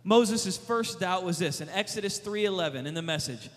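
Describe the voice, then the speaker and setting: A youth preacher delivers a sermon full of emphatic, repeated rhetorical questions. His voice is high for a man, with lively intonation and a moderate pace, and the long reverb of a large hall rings around it.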